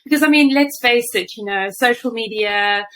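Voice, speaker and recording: A woman's voice: fairly high pitch, moderate pace, a bit bright, rough recording. A woman hosting a podcast interview, asking questions and praising her guest effusively, with many fillers. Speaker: podcast host.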